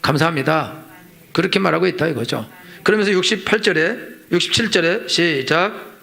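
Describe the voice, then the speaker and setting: A man's voice: fairly high pitch, fairly quick, vocal fry, a bit bright. A middle-aged man preaching a Sunday sermon as senior pastor in a church, emphatic and rhetorical, repeating his points and acting out the complaints of his listeners. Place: church sanctuary.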